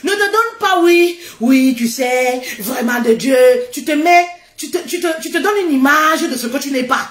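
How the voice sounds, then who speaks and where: A woman giving a casual motivational talk, loud and laughing often, repeating phrases for emphasis. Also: sits high, animated, moderate pace, few pauses, reverberant.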